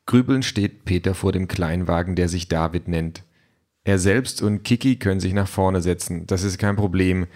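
A man narrating an audiobook in a measured, wry storytelling manner. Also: sits low, a little mellow.

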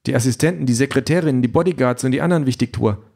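A man voicing a blunt, sharp-tongued woman campaign manager who talks briskly and swears, in an audiobook. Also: mid-range voice, creaky.

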